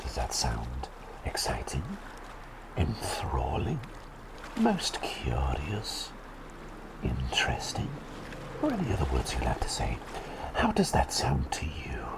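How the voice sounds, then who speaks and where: In a gentle ASMR roleplay with personal attention, a man voices a kindly, forgetful doctor who has become a talking bird. His extremely low, exaggerated voice is breathy and half-whispered, and he often hesitates and repeats his phrases.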